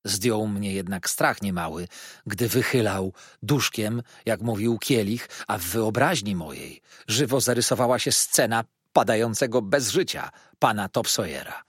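A man reading a classic novel aloud as a measured first-person narrator. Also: fairly low pitch, slightly rough, no echo, clean studio sound. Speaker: audiobook narrator.

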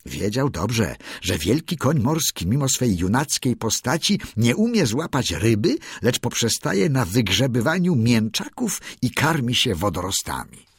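A man reading a classic tale aloud with expressive storytelling. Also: mid-range voice, measured pace, few pauses, breathy edge, no echo, studio quality. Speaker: narrator.

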